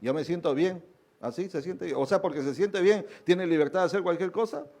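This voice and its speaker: A man delivers a sermon in a voice pitched higher than most men's. He peppers his preaching with rhetorical questions and little tag questions, and he slips into other people's voices to make his point. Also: fairly quick, a little mellow. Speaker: pastor.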